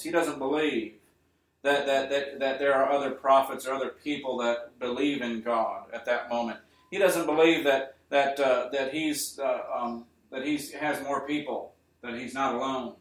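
A male preacher giving an earnest sermon to his congregation, building up to emphatic points and then easing into quiet appeals. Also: mid-range voice. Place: church. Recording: roomy church sound, mic at a distance.

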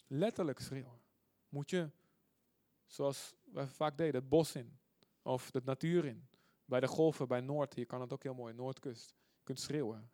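A man's voice: medium pitch, dry recording. Impassioned man preaching a sermon. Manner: swings from loud emphatic scripture reading to quiet asides; asks the audience questions often.

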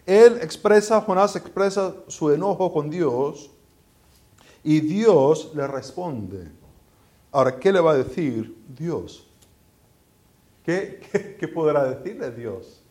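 A male preacher with a somewhat high voice gives a conversational sermon. He asks the congregation rhetorical questions and often restarts his phrases. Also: lively intonation, slow pace, long pauses, a little mellow.

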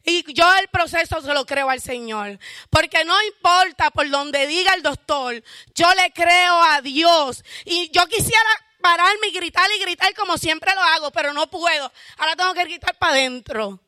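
A woman's voice: extremely high pitch, normal speed, dry recording, clean studio sound. A woman giving a fervent church testimony, calling out hallelujahs. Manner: self-described loud shouter.

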